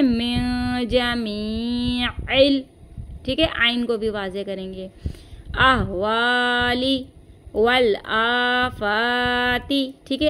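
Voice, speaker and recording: A woman teaching recitation as a patient, corrective teacher, chanting slow phrases and then explaining each one. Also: fairly high pitch, pushed and bright, slight background noise. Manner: patient, corrective, says "theek hai" often.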